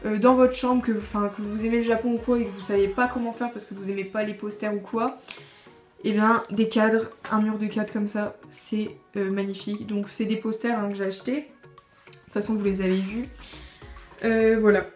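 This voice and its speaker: A woman's voice: mid-range voice, level tone, moderate pace. A teenage girl chatting casually through a tour of her bedroom, rambling and full of fillers. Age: teens. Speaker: vlogger giving a room tour. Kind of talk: casual chat. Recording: roomy bedroom echo, faint music.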